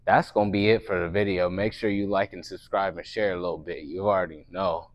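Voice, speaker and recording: A man's voice: deep voice, steady tone, brisk, no echo. A young man vlogging his workout in a large gym, joking and swearing casually, recorded on an earbud mic. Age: young adult. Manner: joking, profane, laid-back. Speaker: fitness vlogger.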